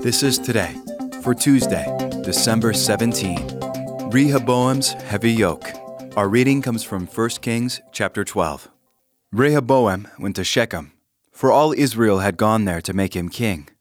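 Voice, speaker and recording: A man giving a calm, measured scripted reading of scripture and a short devotional with prayer. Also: fairly low pitch, music in the background. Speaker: devotional reader.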